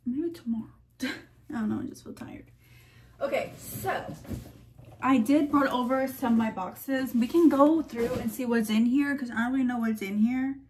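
A woman's voice: a little high, a little mellow, a little hiss or hum. A young woman chatting casually in her apartment for a vlog, tired and sleepy, with lots of "like" and "girl". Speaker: lifestyle vlogger.

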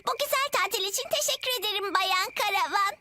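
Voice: extremely high pitch, fast talker, heavy background noise. An actor voicing a cheerful, bossy little girl piglet in a children's cartoon dub.

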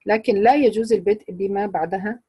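A woman with an Egyptian Arabic accent explains recitation rules to her class in a patient, teacherly way, stopping now and then to quiz her students. Her voice is husky and mellow, and it sounds dry and close. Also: medium pitch, fast talker, no echo.

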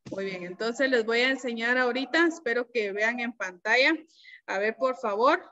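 A woman teacher giving an online class, explaining slowly and patiently and checking often that her students follow. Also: a little high, pushed and bright. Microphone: computer mic on a video call. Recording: dull, lo-fi video-call audio.

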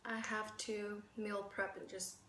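A woman's voice: mid-range voice, a little slow. A woman vlogger chatting casually to her viewers while eating, talking with her mouth full. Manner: relaxed, chatty, addresses viewers directly. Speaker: mukbang vlogger. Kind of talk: casual eating show chat. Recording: echoey room with faint ambient noise.

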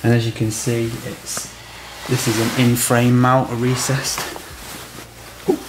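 With background noise behind him, a thirtyish electrician walks through a job step by step while demonstrating a product in a small room of a house. His mid-range voice shows little pitch movement, and his pace is measured and practical.

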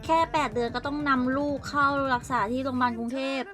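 A woman's voice: sits high, steady tone, music in the background. A young woman casually telling stories while showing old photos, chatty and often laughing. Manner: giggly, chatty, frequent laughter and quick asides. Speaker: streamer.

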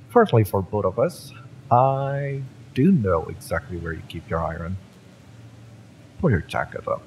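A man voices a cocky, exasperated mercenary, fiery and menacing yet familiar, for a scripted romance audio drama. He draws out his sardonic taunts deliberately in a taunting mood, his low, darkish voice full of lively intonation, on a rough recording with noticeable ambient noise.

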